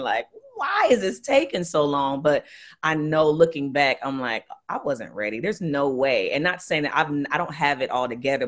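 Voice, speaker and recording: A young woman, a worship singer, talking earnestly as a guest in a faith interview, laughing often between thoughts. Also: very deep voice. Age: young adult. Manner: earnest, laughs often, many restarts and fillers.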